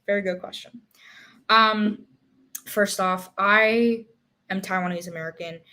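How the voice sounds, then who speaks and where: Young woman chatting about a novel, lots of ums and restarts, average pitch. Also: fairly even intonation, a little slow, sharp tone. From Singapore. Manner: thinking aloud with many fillers and restarts. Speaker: book club host. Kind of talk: casual book discussion.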